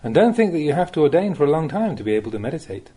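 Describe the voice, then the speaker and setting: The speaker is a Buddhist monk reading a Dhamma talk's translated teachings aloud, very animated, his pitch rising and falling freely to stress key phrases. Still, his soft, dark voice with its slight husky grain keeps a plain-spoken, measured, instructive manner.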